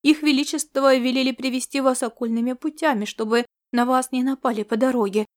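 A woman's voice: sits high, steady tone, brisk, natural voice. A woman voicing a flustered, anxious old male servant in an audiobook story. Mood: pleading. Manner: flustered, pleading.

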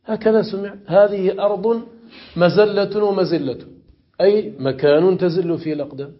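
A man teaching Arabic grammar in a classroom lesson, questioning his students and repeating examples slowly. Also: high voice, muffled recording. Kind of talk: classroom lesson explaining morphology.

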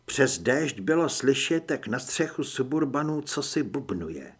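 A man reading first-person audiobook narration in an expressive way. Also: medium pitch, breathy edge.

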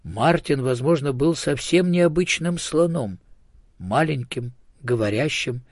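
A man reading a children's story aloud as narrator, in an even, measured way. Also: mid-range voice, husky, no room sound, studio quality. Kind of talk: audiobook narration.

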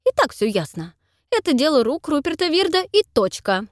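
A brusque woman of forty speaks in short, stern sentences, read by a woman narrator. The pitch rises and falls a lot, and the recording is dry and close. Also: big pitch swings, normal speed, dry recording. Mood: curt. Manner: blunt and curt. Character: blunt, brusque woman in her forties.

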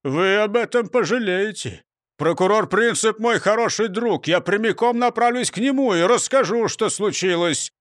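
Man voicing a grumbling pompous manager, indignant, threatening, swinging pitch, dry sound. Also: lively intonation, normal speed, dry recording. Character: pompous grumbling male manager, soaked and outraged.

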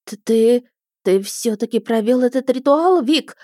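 A woman's voice: medium pitch, measured pace, darkish tone, no room sound, studio quality, close to an everyday voice. A woman voicing a stout, tearful noble mother in middle age. She sounds emotional and pleading. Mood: shocked anguish.

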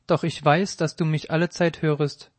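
A man voicing Jesus in a spoken Bible reading, with a solemn, measured delivery. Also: fairly high pitch, little pitch movement, dry recording, lightly acted. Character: Jesus, a calm grave man teaching.

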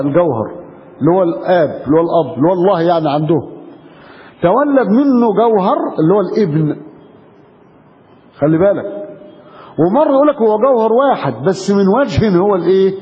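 Egyptian male preacher, quick and high-pitched, emphatic and questioning; dull recording with a long hall reverb. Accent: Egyptian Arabic. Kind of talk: religious lecture.

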